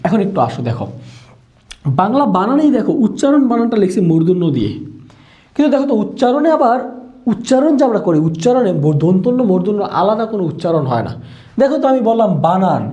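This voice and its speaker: A man runs a live online exam-prep class. His voice sits high, mellow and dark in tone, and he talks quickly, repeating each question again and again and pressing viewers to comment. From Bangladesh. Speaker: Bangla teacher for admission exams.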